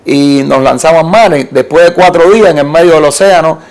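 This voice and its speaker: A man from Cuba with a Cuban Spanish accent, telling an animated story as an interview guest, with halting restarts and repeated words. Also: on the high side. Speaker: interview guest, art collector.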